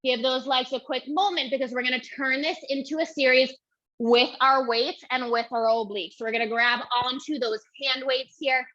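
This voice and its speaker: A woman's voice: sits high, steady tone, moderate pace, bright, forceful tone. A young woman teaching a Pilates workout, counting reps and cueing moves while she exercises, short of breath. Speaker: Pilates instructor. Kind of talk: guided workout instruction. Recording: dull lo-fi audio.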